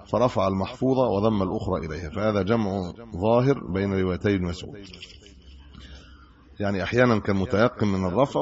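A man's voice: lowish voice, darkish tone. A middle-aged man with an Egyptian accent, a sheikh teaching hadith commentary, who reads the texts aloud and then explains them in colloquial asides. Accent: Egyptian Arabic. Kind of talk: religious lesson reading and explaining hadith. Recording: dull lo-fi lecture recording.

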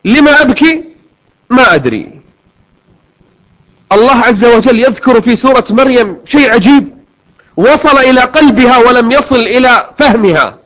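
Male preacher with a very high voice, earnest, draws recited verses out slowly. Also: a bit bright, rough recording. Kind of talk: sermon.

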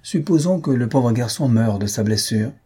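A man voicing a practical, coaxing middle-aged mother in an audiobook, with a husky, dark voice. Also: mid-range voice, lively intonation, moderate pace. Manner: coaxing, matter-of-fact.

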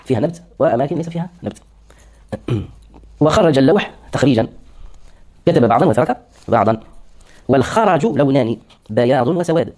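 A man's voice: medium pitch, lively intonation, brisk, pauses often, darkish tone. A man lecturing on hadith terminology, explaining words one by one and answering his own questions. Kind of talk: classroom lecture.

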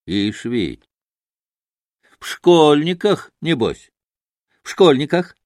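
A narrator doing a kindly old-world peasant. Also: male voice, fairly high pitch, sing-song, slow, a little mellow, no echo, studio quality, voice pushed up. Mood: good-natured. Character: good-natured middle-aged peasant man, sighing.

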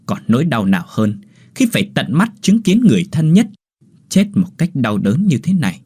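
A man's voice: medium pitch, very animated, moderate pace, warm tone, husky. A man narrating a Vietnamese ghost story in a dramatic, vivid scripted reading.

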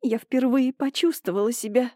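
Woman doing upset young woman, high shrill pleading, dark tone, dry audiobook. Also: moderate pace, no room sound, lightly acted. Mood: hurt. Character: emotional young woman, tearful and defensive. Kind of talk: audiobook character voicing.

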